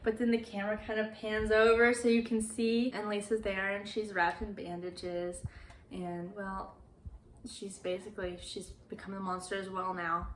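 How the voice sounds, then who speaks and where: A woman's voice: medium pitch, level tone, normal speed, slight background noise. A young adult woman recapping a movie in a casual, chatty way, with lots of "like" fillers. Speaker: YouTuber. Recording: roomy echo.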